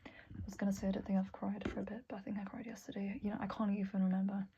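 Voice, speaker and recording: A young woman talking candidly to camera at her desk, soft and halting, often dropping to a whisper. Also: mid-range voice, level tone, husky, muffled recording. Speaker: vlogger. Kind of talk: candid personal talk to camera. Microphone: earbud mic.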